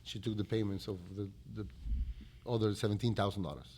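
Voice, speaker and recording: A man's voice: on the low side, fairly even intonation, brisk, darkish tone, breathy edge. A man from Mexico with a Mexican accent, a restaurant owner being interviewed, telling stories animatedly, acting out quotes and restarting his phrases. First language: Spanish. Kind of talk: storytelling interview.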